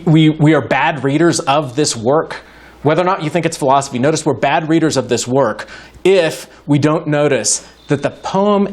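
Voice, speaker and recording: A man giving a university lecture to a live audience in a hall, wry and joking, thinking aloud with frequent restarts. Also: mid-range voice. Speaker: guest lecturer in philosophy.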